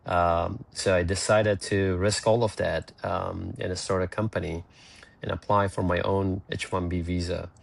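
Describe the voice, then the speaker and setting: Speaking from Iran over a remote call, a startup founder recounts his story to a podcast host plainly and bluntly, with lots of filler words. His low-pitched, creaky voice stays flat and unhurried throughout this casual interview.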